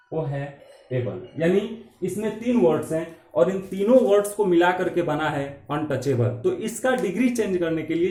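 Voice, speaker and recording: A man's voice: high-pitched, warm tone. Echoey Hindi-speaking male English teacher. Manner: slow, explanatory, repeats key terms. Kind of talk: classroom lesson in Hindi. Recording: echoey room.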